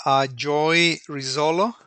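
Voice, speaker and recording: A man teaching an online lecture as the instructor, speaking hesitantly with many pauses and restarts into a computer microphone. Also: on the high side, fairly even intonation, bright, forceful tone, no echo.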